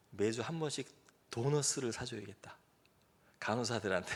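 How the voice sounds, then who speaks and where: A middle-aged male pastor preaching a sermon, telling a personal story in a conversational, self-deprecating way with light laughter. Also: medium pitch. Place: church sanctuary.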